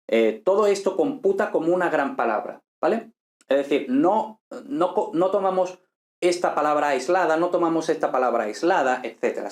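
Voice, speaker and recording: A man's voice: on the high side, echoey room. A man teaching an online language class, explaining step by step and often checking in with his listeners. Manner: explanatory, frequent "¿vale?" and "¿no?" checks. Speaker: Latin teacher. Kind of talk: online lecture.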